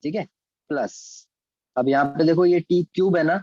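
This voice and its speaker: The recording is dull, and the man's voice sits on the high side with a darkish tone and normal speed. He is a physics and maths teacher with an Indian accent, leading an online calculus class step by step in Hindi sprinkled with English terms while checking in with students by name.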